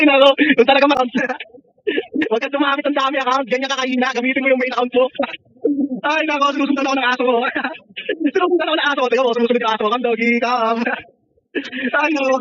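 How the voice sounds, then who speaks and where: Lalaking napakataas ng boses na nanunukso. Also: male voice, extremely high pitch, a bit bright, highs cut off, slight background noise. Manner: mocking and taunting, laughing often, swearing freely. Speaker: online gamer. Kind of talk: trash-talking game voice chat.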